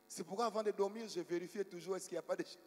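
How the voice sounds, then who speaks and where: A man's voice: high-pitched, fairly even intonation, very fast, a little mellow, a little hiss or hum. A man preaching a sermon as pastor, telling stories and asking the congregation for responses. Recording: long hall reverb.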